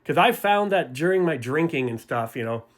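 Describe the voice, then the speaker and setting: Middle-aged male vlogger, casual swearing storyteller, lively and a bit high-pitched. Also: moderate pace. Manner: profane, animated storytelling that acts out voices. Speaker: sobriety vlogger.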